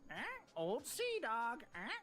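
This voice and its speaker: A woman voicing a small, excitable, possessive creature that squawks and repeats in a grasping way. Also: fairly high pitch, slow pace, exaggerated voice. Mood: mocking echo.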